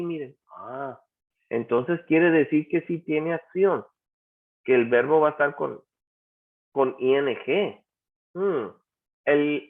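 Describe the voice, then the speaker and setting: A male teacher taking an online class through grammar examples, patiently asking questions and repeating the answers. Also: a little high. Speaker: English teacher. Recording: tinny phone-like call audio.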